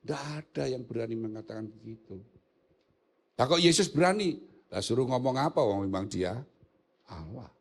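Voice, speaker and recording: A man's voice: medium pitch, expressive, moderate pace, vocal fry, pauses often. An older man with a Javanese accent, a pastor teaching a church theology class, joking and asking his listeners rhetorical questions in casual speech. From Indonesia. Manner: mixes in colloquial local words.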